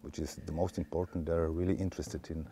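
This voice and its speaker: A man answering interview questions in English, haltingly and repeating words for emphasis. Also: very deep voice, little pitch movement, warm tone. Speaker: theatre director being interviewed. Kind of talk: informal interview.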